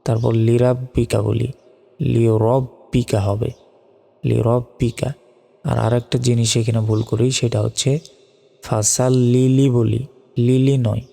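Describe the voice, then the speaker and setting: A man's voice: medium pitch, little pitch movement, a little slow, creaky, long pauses, mellow, long reverb tail. A man from Bangladesh giving a recitation lesson, spelling out each letter and vowel, then chanting the words long and drawn out. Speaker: Quran recitation teacher.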